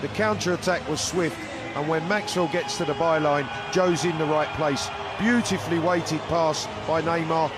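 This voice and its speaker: A man's voice: on the high side, unhurried. A man working as football co-commentator, talking through a replay. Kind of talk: match analysis over a replay. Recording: clear stadium noise behind.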